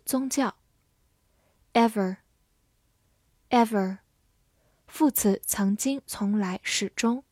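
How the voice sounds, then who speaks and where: A woman teaching English vocabulary in a scripted lesson. She says each English word twice, clearly, then explains it. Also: fairly high pitch, mellow, no echo, clean studio sound.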